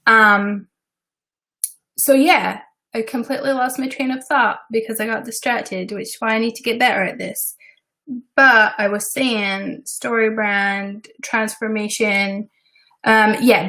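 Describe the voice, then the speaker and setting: A woman's voice: fairly high pitch, bright, forceful tone. A Scottish woman who designs websites, talking casually and rambling through a live work session with many asides. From Scotland. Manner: chatty and rambling, with frequent fillers and asides. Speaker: web designer hosting a live stream.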